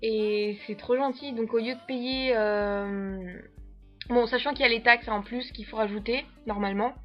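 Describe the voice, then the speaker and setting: A woman's voice: fairly high pitch, fairly even intonation, unhurried, muffled recording, soft background music. A young French woman, an au pair, chatting casually to camera with a French accent, rambling with lots of fillers and frequent giggles. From France. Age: young adult. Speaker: au pair vlogger.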